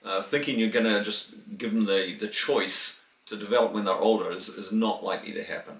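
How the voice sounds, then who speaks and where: A New Zealand man in his late fifties answers interview questions in a rambling, chatty way, restarting often and letting out small chuckles. His voice is lowish and fairly bright, and he talks a little fast. He sits far from the mic, so the recording sounds roomy.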